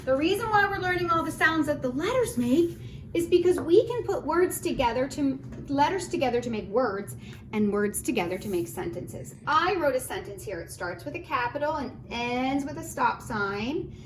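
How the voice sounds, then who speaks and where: In a high, expressive voice at a moderate pace, a woman gives a read-aloud phonics lesson to young children. She speaks in a sing-song way, asking questions and sounding out letters and words. The room echoes and background noise is clearly audible.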